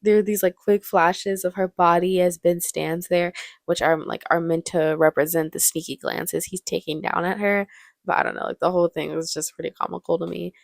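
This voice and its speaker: A young woman talks through a film in a loose, chatty way, peppering her lines with fillers and slipping into mock voices. Her voice has a gravelly fry, recorded close and dry with no room around it. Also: lowish voice, steady tone, moderate pace, dry recording. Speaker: movie commentator. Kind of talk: casual film commentary.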